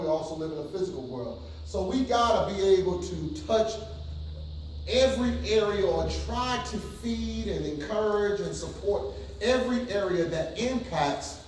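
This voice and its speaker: This New York City pastor has a high, darkish voice and runs a relaxed church workshop, hesitating often with ums and drawing call-and-response from listeners through repeated questions. The distant recording captures an echoing hall and a little hiss or hum.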